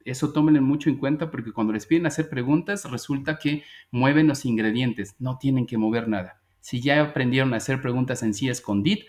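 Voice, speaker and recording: Patient Spanish-speaking English teacher. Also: male voice, mid-range voice, a little fast, few pauses, a little mellow. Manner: patient, repeats each phrase and checks with "ok?". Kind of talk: online class explanation.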